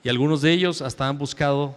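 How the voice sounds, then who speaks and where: A male pastor delivers an emphatic sermon from the pulpit. His somewhat high voice swings between loud raised lines and hushed, low asides. The sound rings with the long reverb of a church hall. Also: fast talker. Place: church sanctuary.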